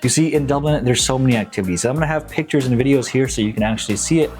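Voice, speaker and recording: A man's voice: mid-range voice, rapid-fire, a little mellow, soft background music. A young man from Nepal, a real estate agent, talking up local suburbs in a casual, upbeat and slangy promotional vlog.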